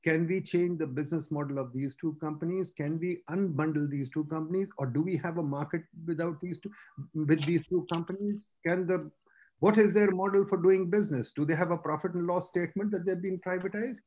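A Pakistani man moderates a discussion in a voice pitched a little above average. He is blunt and insistent, putting pointed questions to his panelists. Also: steady tone, a little fast, warm tone, poor audio.

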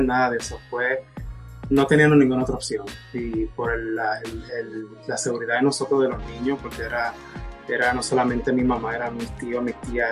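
Hesitant Puerto Rican man guest. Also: medium pitch. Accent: Puerto Rican Spanish. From Puerto Rico. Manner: hesitant, many fillers and restarts while telling his story. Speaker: podcast guest and preacher.

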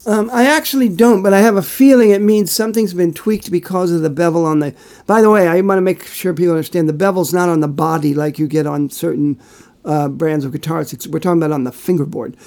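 A man's voice: on the high side, fairly even intonation, fast talker, darkish tone. A man co-hosting a podcast, giving long, rambling, detailed explanations in casual chat with many fillers. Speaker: podcast co-host.

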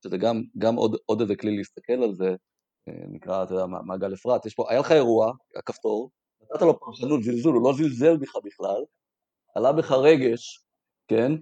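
A man explaining in a reflective, casual way, halting with many fillers and restarts. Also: medium pitch, mellow, no room sound. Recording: dry, dull-sounding mic.

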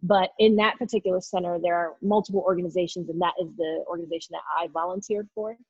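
A woman in her thirties from New York City, a guest in an interview, talking loudly and passionately about herself. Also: on the low side, fairly even intonation, fast talker, slightly rough, no room sound, highs cut off. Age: 30s. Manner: loud, outspoken, passionate. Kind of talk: casual interview talk.

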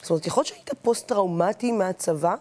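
A woman's voice: lowish voice, dark tone. A woman hosting an interview, thinking aloud and asking probing questions. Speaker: host.

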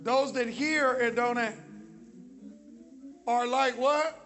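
A man preaching an energetic sermon in a church, calling out to the congregation, joking and shouting for responses. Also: very high-pitched, takes it slowly, soft background music. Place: church sanctuary.

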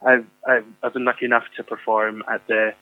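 A man's voice: medium pitch, level tone, fairly quick, phone-quality sound, faint music behind. A man in his twenties with a Fife Scottish accent, chatting enthusiastically as a guest on a podcast. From Fife, Scotland. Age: 20s. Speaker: podcast guest, amateur theatre performer. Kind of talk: casual podcast conversation.

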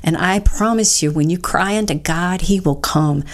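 A woman leads a recovery devotional, reading scripture and praying in an earnest, fervent way. Her voice sits somewhat low for a woman. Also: moderate pace. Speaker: co-host of a recovery devotional show.

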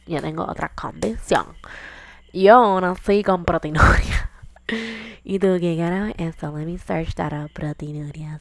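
Chatty young woman with gravelly low voice. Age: 20s. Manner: animated, code-switching into English, joking asides. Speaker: podcast host. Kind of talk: casual chat.

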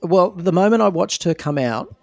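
A man co-hosting a podcast, chatting in a warm, reassuring, enthusiastic way while he is losing his voice. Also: high-pitched, animated, fairly quick, creaky, no room sound. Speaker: podcast co-host. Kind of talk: casual fan chat.

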